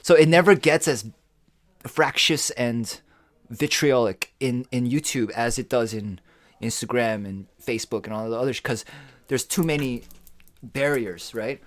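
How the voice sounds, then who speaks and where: A man co-hosting a podcast in casual chat, rambling and swearing freely as he thinks out loud. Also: mid-range voice, measured pace, no room sound. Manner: rambling, profane, animated. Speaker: podcast co-host.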